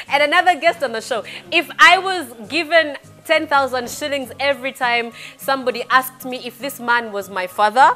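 A young woman with a bright, crisp voice hosts a relaxed chat show from a salon set. She teases her guests and laughs a lot. Soft music plays faintly underneath. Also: on the high side. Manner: playful, laughs often, teasing. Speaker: host. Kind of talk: casual talk show chat. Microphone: lapel mic.

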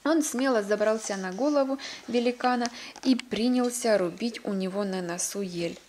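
A woman's voice: mid-range voice, moderate pace, darkish tone, a little hiss or hum. A woman reading a children's storybook aloud expressively, with occasional slips and restarts.

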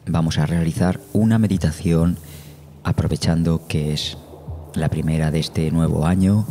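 Over meditation music, a man with a very deep, dark voice narrates a guided meditation. His intonation stays fairly even, and his delivery is slow, soothing and measured, with long pauses.

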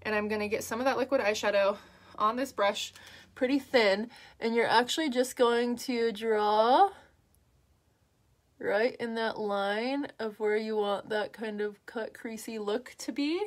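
A woman with a slightly high voice walks viewers through a makeup look in a chatty, upbeat tutorial. She talks casually as she works, with plenty of "um" and "like" fillers. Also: a little slow. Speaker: makeup artist.

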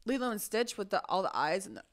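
A woman's voice: mid-range voice, big pitch swings, fast. A woman co-hosting a podcast in casual chat, loose and joking, and she swears freely. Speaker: podcast co-host.

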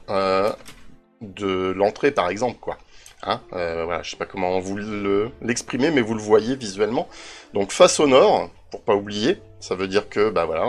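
In a casual screen-recorded game tutorial, a man with a fairly low voice thinks aloud while reading out coordinates. He tosses in self-mocking asides and sometimes drifts away from his desk mic.

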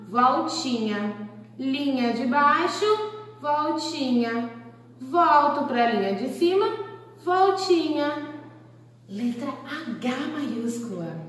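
Woman teacher, sing-song and encouraging, very slow, echoey hall. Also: on the high side, fairly bright tone, far from the mic. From Brazil. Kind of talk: children's handwriting lesson. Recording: echoey room, voice from off-mic.

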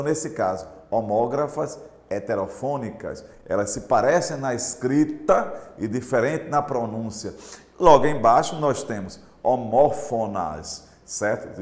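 A male teacher with a Brazilian Portuguese accent gives a recorded lesson, slow and emphatic, repeating key points and speaking straight to his students. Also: medium pitch, darkish tone. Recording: echoey room with long reverb.

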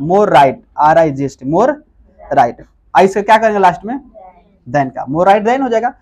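A man teaching English grammar in a classroom-style lecture, who keeps asking questions and answering them himself and repeats key words slowly. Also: sits high, lively intonation, a little mellow.

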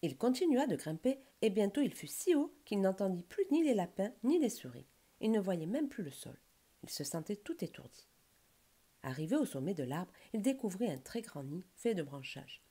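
Warm expressive woman reading a bedtime story. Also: medium pitch, moderate pace, breathy edge.

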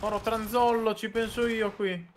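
Male streamer, high-pitched, playful jokey game commentary. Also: flat delivery, normal speed, a little hiss or hum. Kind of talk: casual gaming chat.

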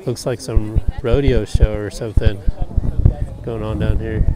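A travel vlogger in his thirties walks outdoors through a geothermal park, chatting casually and thinking aloud. He was recorded on a wired earphone mic, and the audio is very noisy. His voice is on the low side, unhurried and flat.

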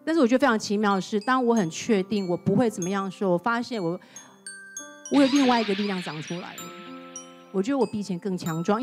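A woman in her forties speaks quickly on a TV studio talk show and tells her story with lively, acted-out dialogue. She slips English words in as she goes. Music plays behind her voice. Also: mid-range voice. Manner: animated storyteller who acts out quoted dialogue. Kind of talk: casual chat, personal storytelling. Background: background music.

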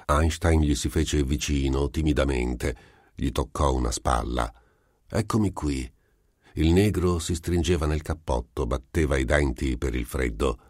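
A man reading a short story aloud in a measured, deliberate amateur audiobook narration. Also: very deep voice, darkish tone, no room sound, studio quality. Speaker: audiobook reader. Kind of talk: literary narration.

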